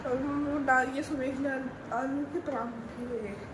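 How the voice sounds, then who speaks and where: A hoarse young woman with a sore throat, chatting in a rambling casual vlog and filming on a handheld phone at home. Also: high voice, fairly even intonation, slow. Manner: chatty, rambling, fills with "theek hai" and "hai na". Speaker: vlogger. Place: home, preparing a family ceremony. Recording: noisy household background.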